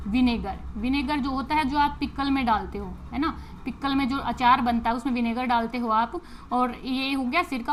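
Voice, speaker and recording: A woman's voice: on the high side, a little hiss or hum, low-quality recording. A woman teacher giving an exam-prep lecture, explaining step by step, asking questions and answering them herself, with English terms mixed into her speech.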